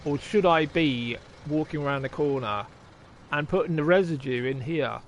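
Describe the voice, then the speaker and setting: A man's somewhat high voice comes at a moderate pace with a bit of hiss or hum as he streams a farming game. He thinks out loud, talks casually with viewers and throws in offhand swearing.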